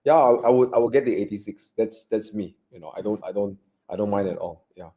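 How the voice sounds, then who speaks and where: A man with a Malaysian English accent co-hosting a live car Q&A in relaxed, chatty talk that trails off softly. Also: on the low side, brisk. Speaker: co-host of a car buying Q&A. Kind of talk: live stream casual chat.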